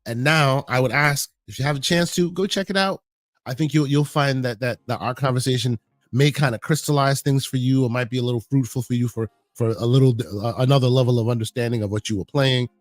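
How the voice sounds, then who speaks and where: Male podcast host, voice gone hoarse from being sick, halting and chatty, mid-range pitch, dry sound. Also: steady tone, no room sound. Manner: halting, repeats words, friendly shout-outs. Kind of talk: casual podcast hosting.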